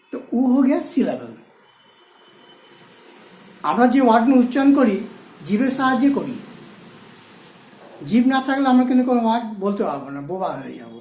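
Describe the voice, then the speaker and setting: A woman's voice: on the high side, darkish tone. Woman teaching, echoey room. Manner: explains slowly, mixing Hindi with Bengali and English terms. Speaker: stenography teacher. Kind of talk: classroom lesson.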